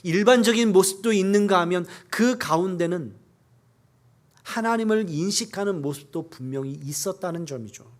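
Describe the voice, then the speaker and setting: A male pastor delivers a sermon in a notably high voice. He preaches earnestly, pushing harder on key points before sinking back down. He reads scripture in a steady, measured cadence. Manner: earnest preaching, rising in force at key points then dropping low.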